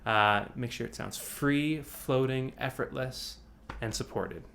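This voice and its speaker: A male vocal coach explains breath support slowly in an online workshop, his medium-pitched, slightly bright voice showing vocal fry. His phrasing is loose and rambling, with frequent restarts, and he demonstrates sighs and sung passages. The video-call recording has slight background noise.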